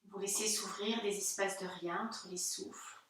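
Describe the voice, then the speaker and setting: A yoga teacher, a woman, leads a slow, unhurried guided meditation with fairly even intonation in her mid-range voice. Her soothing, gentle phrases are separated by pauses. The distant mic picks her up in a heavily reverberant, very echoey room.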